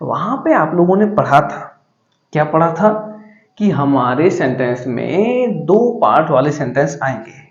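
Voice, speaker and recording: Teaching a grammar class, an animated man poses questions and answers them himself. His pitch swings widely for emphasis, and he slows down to dictate example sentences. The recording is muffled, with noticeable room echo.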